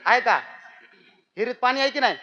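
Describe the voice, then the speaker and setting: A man's voice: extremely high pitch, lively intonation, fairly quick, lo-fi sound. A man preaching a humorous devotional kirtan sermon, telling rustic jokes and chanting verses.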